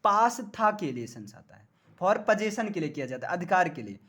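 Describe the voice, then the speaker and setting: A man's voice: high-pitched, very animated, moderate pace, fairly bright tone. A man teaching English grammar in a classroom lecture. He jokes often and keeps checking that the students understand.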